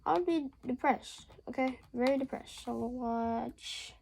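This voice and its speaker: A woman reacting casually to horror clips, her voice fairly high and her pace slow and drawn out. She is excitable and slangy and speaks straight to her viewers. A faint hiss of noise sits behind her. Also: vocal fry, poor audio. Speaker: reaction video host.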